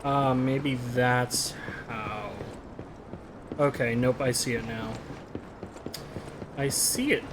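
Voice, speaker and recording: A man's voice: mid-range voice, steady tone, takes it slowly, pauses often, background noise. A man streaming a video game, reading game text aloud and thinking aloud as he plays. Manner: mutters to himself, thinks aloud. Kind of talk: casual gameplay commentary.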